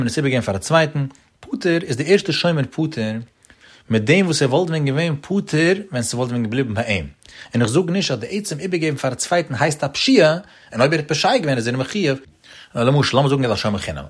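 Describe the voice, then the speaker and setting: Fast, husky-voiced man teaching religious law. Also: medium pitch.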